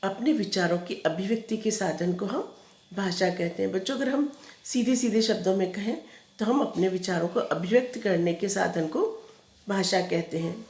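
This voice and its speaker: A woman teacher with a Rajasthani Hindi accent explains grammar patiently to young children, often pausing to check they follow. Her voice has a middling pitch and carries an echo from the room around her. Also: a little mellow. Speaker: school teacher. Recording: echoey room.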